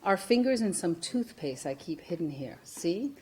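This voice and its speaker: A woman's voice: on the low side, animated, moderate pace, darkish tone, breathy edge. Woman voicing a bossy spoiled little girl. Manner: bossy, then whimpering complaints. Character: mischievous spoiled young girl.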